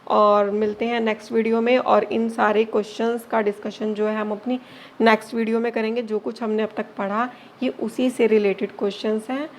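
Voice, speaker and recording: A woman teacher with a slightly higher voice leads an exam-prep grammar lesson. She asks rhetorical questions and answers them herself, checks in with short confirming tags and mixes English words into her explanations. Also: level tone, brisk, slight background noise.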